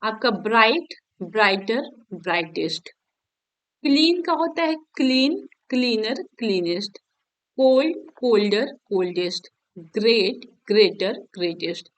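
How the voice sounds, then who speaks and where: A woman's voice: mid-range voice, lively intonation, measured pace. A woman teacher giving an exam-prep grammar lesson, patiently repeating each point and drilling word forms one by one.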